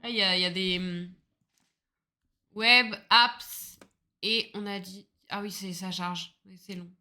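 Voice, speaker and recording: A woman's voice: medium pitch, steady tone, unhurried, bright, forceful tone. A woman streaming a game, chatting casually in a rambling, self-mocking way, laughing often and swearing freely. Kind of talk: casual gaming livestream chat.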